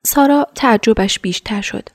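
A woman narrating a radio drama in a measured, hushed storytelling voice. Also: on the high side.

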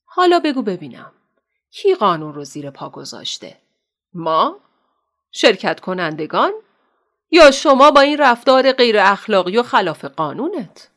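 A woman's voice: medium pitch, sing-song, fairly bright tone. A woman voicing a composed, firm woman doctor addressing a hall. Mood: stern.

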